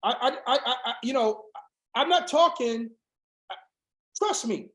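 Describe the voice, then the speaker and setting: A man with a high, hoarse voice drives a motivational business training like a sermon, his lines rising into shouts and then dropping low. The sound carries a roomy echo. His delivery is fiery and insistent. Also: expressive, measured pace. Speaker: business coach. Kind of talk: motivational sales training on a video call.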